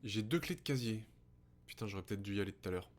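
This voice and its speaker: A man's voice: fairly low pitch, fast talker. A man commentating a horror game as a scared streamer, swearing and muttering to himself. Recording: steady background noise with hum.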